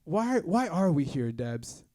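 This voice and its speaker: A young man in his twenties hosts a podcast with upbeat, chatty energy, peppering his talk with "like." His voice sits a bit on the high side for a man. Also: big pitch swings, takes it slowly, darkish tone. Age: 20s. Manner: upbeat, chatty, uses filler "like". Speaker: podcast host. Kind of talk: casual chat.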